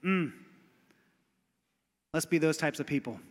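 A male pastor giving an animated, conversational sermon in a church that builds to exclamations. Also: fairly high pitch, a little slow. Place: church sanctuary. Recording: long reverb of a church hall.

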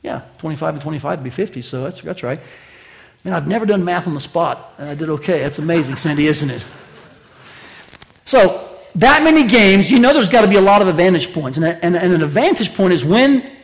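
A man with a high voice preaching a sermon in a conversational way, joking with the congregation. He swings from loud, raised lines to quiet, slow asides. Think of a pastor talking straight to his church. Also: expressive, gravelly. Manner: conversational preaching with wide swings of pitch and loudness; jokes with the congregation.

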